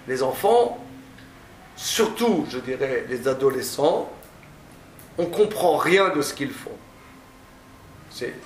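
A male teacher giving a classroom lecture, often stammering and restarting, stressing points with drawn-out phrasing. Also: mid-range voice. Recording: echoey room, distant mic, faint noise.

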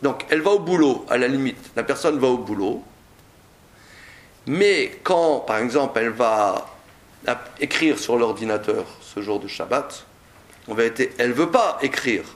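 A man teaching a lively Talmud class to a group, explaining with animated, theatrical examples. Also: mid-range voice, moderate pace. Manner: animated, acts out examples with mock anger. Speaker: Torah teacher. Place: study room with a group. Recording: roomy echo.

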